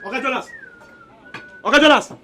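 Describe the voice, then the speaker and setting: A man with a Nigerian accent playing an aggrieved, loudly complaining car mechanic. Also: sits high, very fast, slight background noise, natural voice.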